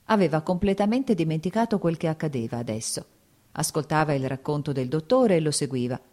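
Woman audiobook narrator, lower register, steady measured read of a classic novel.

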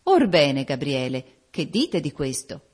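A woman's voice: low-pitched, big pitch swings, slow, a little mellow, slightly rough, exaggerated voice. A woman reading as a sneering old male ghost. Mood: mocking. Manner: brusque, sneering questions.

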